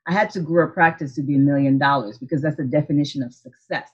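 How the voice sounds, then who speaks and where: A Haitian woman in her forties, an optometrist and practice owner, tells her story as a guest in a casual interview over a video call. Her low voice is steady, quick and slightly rough, and the highs are cut off. She comes across as earnest and reflective, often restarting and laughing softly.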